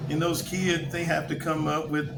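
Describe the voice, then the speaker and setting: A man's voice: fairly high pitch, level tone, normal speed, creaky, echoey room, background noise. An older man talking casually as a podcast guest, giving advice and telling stories with acted-out quotes and lots of fillers. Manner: storytelling with quoted voices, many fillers.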